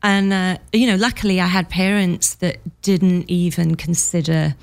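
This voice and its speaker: A woman's voice: on the low side, steady tone, normal speed, gravelly. A woman from Wales, a music producer, chatting candidly as a studio guest on a radio show and laughing often. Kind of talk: casual radio interview.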